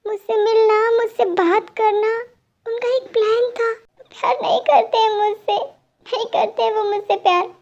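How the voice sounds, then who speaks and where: A gentle young woman pleads through tears in a very high voice, voiced by a young woman. Her heartbreak colors every line. The home recording sounds dull and lo-fi. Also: flat delivery, moderate pace. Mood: heartbroken. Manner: tearful, pleading. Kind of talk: dramatic fan-dub voice acting.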